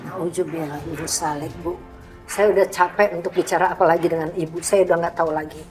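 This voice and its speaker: A woman dubbing a pious, patient middle-aged mother in a TV drama, calm and earnest. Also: on the low side, fairly quick, over music, natural voice. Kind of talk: dubbed TV drama.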